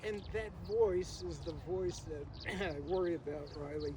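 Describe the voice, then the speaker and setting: An older man with a slightly high voice reminisces in an informal memorial speech to people gathered in a garden, rambling and halting, often pausing. There is no working PA, and a distant camera mic picks him up amid outdoor noise.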